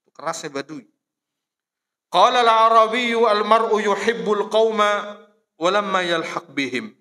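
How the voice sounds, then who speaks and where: Bright-voiced man preaching in a reverberant hall. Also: high voice, animated, a little slow. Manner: conversational, addresses listeners as "Pak", acts out quoted voices. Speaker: religious teacher. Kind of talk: mosque study sermon. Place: mosque hall.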